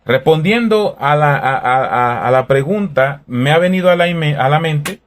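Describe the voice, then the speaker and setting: A man from Venezuela, hosting a calm, thoughtful faith talk in a conversational way. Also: fairly high pitch, normal speed.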